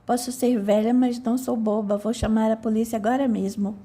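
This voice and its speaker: A scared old woman who talks back sharply in an audiobook, as a woman reader plays her. The voice is fairly high and warm, pushing out quick, threatening words. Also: steady tone, slightly rough. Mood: defiant. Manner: panicked, defiant. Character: frightened, defiant old woman.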